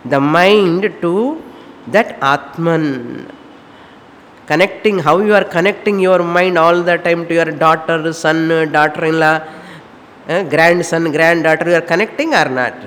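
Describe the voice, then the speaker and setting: A woman with a South Indian accent giving a religious discourse as a spiritual teacher, repeating phrases and answering her own questions in a didactic manner. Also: low-pitched. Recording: echoey hall with faint background noise.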